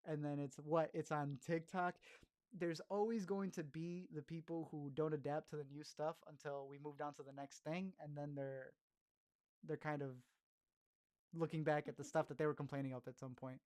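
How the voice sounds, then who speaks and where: A man's voice: fairly high pitch, steady tone, moderate pace, a little mellow, dry recording, clean studio sound. A man casually chatting through film reviews as a podcast host, rambling along with fillers and restarts.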